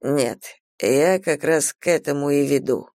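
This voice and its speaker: A woman's voice: darkish tone, no echo, clean studio sound. A woman voicing a stern, mocking male god. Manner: slow, low, mocking. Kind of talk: audiobook character voice.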